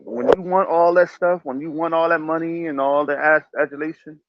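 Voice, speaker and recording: Brisk and steady in tone, this slightly high-voiced man hosts a casual podcast talk show where he delivers motivational advice in an emphatic, sermon-like way, repeating himself often. The sound is dull and lo-fi, with no echo.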